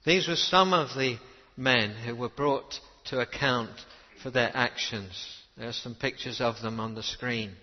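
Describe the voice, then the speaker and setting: A man's voice: medium pitch, unhurried. A man delivering a sermon, telling a story earnestly and quoting old letters with emphasis. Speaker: preacher. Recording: dull reverberant hall recording.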